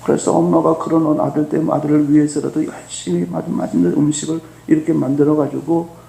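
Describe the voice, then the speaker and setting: A male pastor preaches with fervent emphasis, his voice climbing high and dropping low. It rings with a bright echo off the church walls, and his voice sits slightly higher than most men's. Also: little pitch movement, quick pace, gravelly, a little hiss or hum. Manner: emphatic, with big swings up and down in pitch. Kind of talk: sermon. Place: church sanctuary. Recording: echoey church sanctuary.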